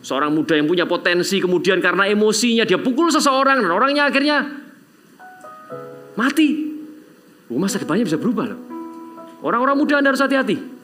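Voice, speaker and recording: A man preaching a sermon as pastor, telling stories with sudden loud exclamations and quiet asides. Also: high-pitched, sing-song, brisk, long pauses, soft background music.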